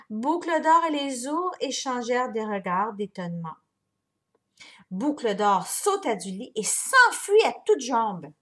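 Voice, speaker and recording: A woman reading a children's story aloud in an expressive, unhurried way. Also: on the high side. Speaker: story reader.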